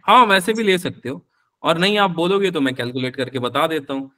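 A man's voice: a little high, brisk, sharp tone. Chatty male physics teacher. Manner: chatty, calls students beta, answers their questions. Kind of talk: live online class.

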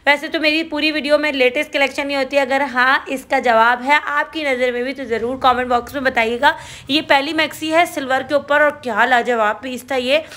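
A woman with a Karachi Urdu accent narrates a market shopping tour, her voice high-pitched and bright. She talks in a chatty, eager way, reeling off prices as she goes. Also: fairly even intonation, a little fast. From Pakistan. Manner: chatty, enthusiastic, listing prices. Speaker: shopping vlogger.

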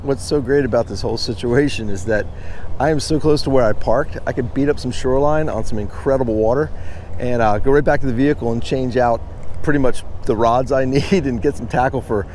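Brisk and a little mellow, this mid-range voice belongs to an American man in his thirties or forties vlogging his fishing beside a pond, with a slight hiss or hum. He chats casually and informally, calling viewers "guys."

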